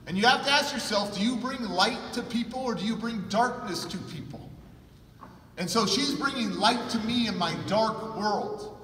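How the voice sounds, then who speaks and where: Keynote man from California, high bright voice, emotive storytelling, heard from a distance in a reverberant hall. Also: slight background noise. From California, USA. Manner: emotive, shifts from hushed to loud for emphasis. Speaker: conference keynote speaker. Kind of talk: personal storytelling talk. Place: large hall with an audience. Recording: echoey hall, mic at a distance.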